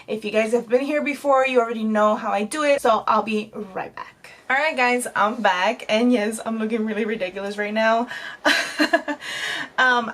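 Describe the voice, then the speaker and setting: With a fairly high, slightly bright voice, this woman in her thirties is a bubbly, chatty beauty vlogger. She talks to her viewers through a relaxed at-home makeup tutorial.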